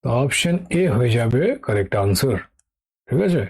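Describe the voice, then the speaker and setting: A man's voice: mid-range voice, expressive, moderate pace, slightly rough. A middle-aged man teaching English vocabulary for exam prep in an online lesson, speaking with a Bengali accent. He is patient and repeats key words, often checking with "ঠিক আছে?".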